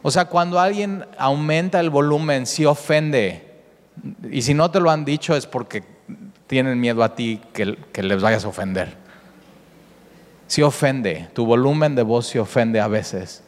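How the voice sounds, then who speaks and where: A pastor preaches a sermon earnestly at normal speed in a mid-range voice. He often rephrases himself and circles back to a point. The long reverb of a large hall surrounds him.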